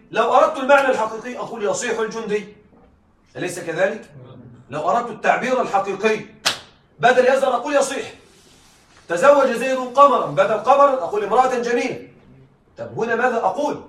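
A man's voice: high voice, fairly bright tone. A man teaching rhetoric in a classroom lecture, repeatedly asking his students whether they are following. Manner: keeps checking students follow. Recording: echoey classroom, distant mic, faint hiss.

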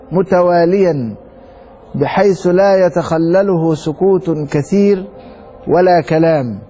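A man with an Egyptian Arabic accent teaching a religious lesson, reading a text slowly and then explaining it with rhetorical questions to his students. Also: high-pitched, mellow, husky. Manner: reads a text slowly, then comments quickly. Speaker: sheikh teaching Maliki law.

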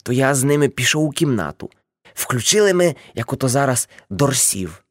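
A woman's voice: a bass voice, very animated, moderate pace, no echo, clean studio sound, full character voice. A woman doing a boastful old ex-hippie uncle. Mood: boastful rambling. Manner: boastful, rambling, brash. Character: uncle Yulik, older boastful male ex-hippie.

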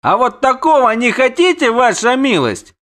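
A man voicing a gruff, stubborn ship captain in an audiobook, shouting defiantly. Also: high-pitched, sing-song, moderate pace, pitched above the performer's own voice. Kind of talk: audiobook character voice.

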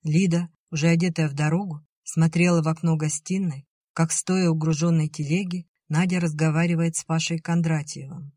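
Measured audiobook narrator, dry sound. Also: medium pitch, steady tone, darkish tone, no echo. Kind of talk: scripted literary narration.

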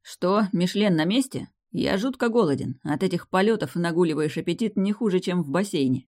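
A narrator voicing a breezy, carefree young duke who gives orders in a lively, offhand way. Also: medium pitch, fairly quick, lightly acted. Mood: brisk, bossy.

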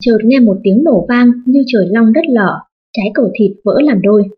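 A woman reading a storybook audiobook aloud in a steady, even manner. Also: fairly high pitch, normal speed, breathy edge, lo-fi sound. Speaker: audiobook narrator. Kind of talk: scripted storybook narration.

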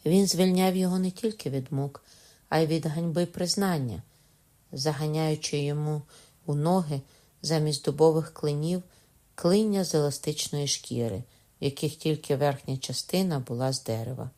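A woman with a notably low voice reads a classic novel aloud. Her delivery is steady and measured, an even storytelling pace. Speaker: audiobook narrator. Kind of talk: scripted narration.

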